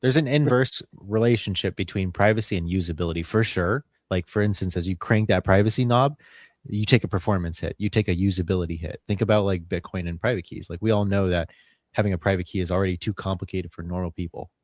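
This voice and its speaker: A man co-hosting a podcast, explaining ideas quickly and with enthusiasm. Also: deep voice, darkish tone, no echo. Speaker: podcast co-host. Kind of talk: casual podcast discussion.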